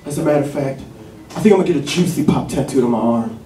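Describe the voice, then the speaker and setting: A man playing a smug male army lieutenant who talks in a slow, self-satisfied drawl. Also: medium pitch, lively intonation, voice pushed down, lightly acted. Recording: echoey club from a distant mic with crowd laughter.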